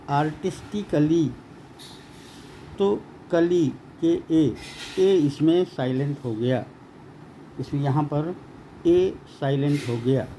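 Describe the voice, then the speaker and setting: A man teaching an English grammar lesson, speaking slowly and deliberately and repeating words for emphasis. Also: on the high side, dark tone. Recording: dull lo-fi sound with faint room noise.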